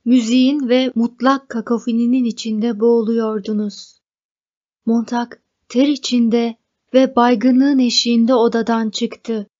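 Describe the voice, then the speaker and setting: A woman narrating a novel as an audiobook reader, in a measured, even reading. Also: a little high, dull audio. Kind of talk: scripted narration.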